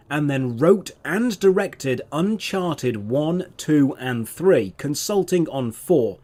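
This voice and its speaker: A man's voice: a little high, darkish tone. A man reading scripted narration for a video essay as a game reviewer.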